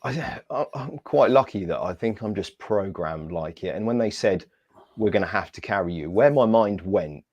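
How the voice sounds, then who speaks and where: Deep-voiced man telling stories. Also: normal speed, no echo, dull audio. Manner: lively, self-mocking, acts out quoted voices. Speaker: guest, Paralympic athlete. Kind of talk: storytelling interview answers.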